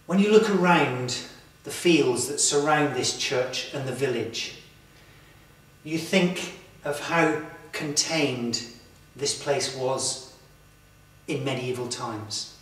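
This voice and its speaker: A man in his thirties presenting to camera in a slow, earnest, reflective way, inside a stone church. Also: medium pitch, fairly bright tone. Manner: slow, earnest, with emphatic pauses. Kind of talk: reflective documentary talk to camera. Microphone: far camera mic. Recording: echoey church from far off.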